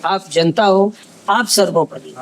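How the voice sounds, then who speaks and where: A man working as a news reporter, interviewing and then closing with measured rhetorical questions. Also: high-pitched, poor audio.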